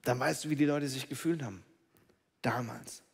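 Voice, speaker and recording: A man's voice: mid-range voice, normal speed, vocal fry, husky. Dramatic male preacher in a reverberant hall. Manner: dramatic, swings from loud calls to hushed whispers. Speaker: pastor. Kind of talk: sermon. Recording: long reverb of a large hall.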